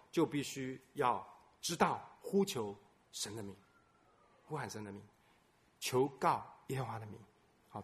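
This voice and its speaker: A man preaching a sermon, swinging between loud, emphatic bursts and soft, low asides, and repeating phrases for emphasis.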